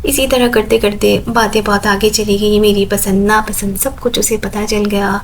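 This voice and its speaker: A woman's voice: medium pitch, flat delivery, a little hiss or hum, rough recording. Woman telling a first-person story. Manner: plain, conversational retelling.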